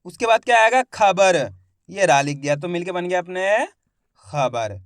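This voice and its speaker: A man's voice: high voice, animated, fast talker, clean tone, no room sound, studio quality. A man teaching a reading lesson step by step, sounding out each word syllable by syllable, repeating it and asking his viewers quiz questions. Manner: addresses viewers as friends, asks quiz questions.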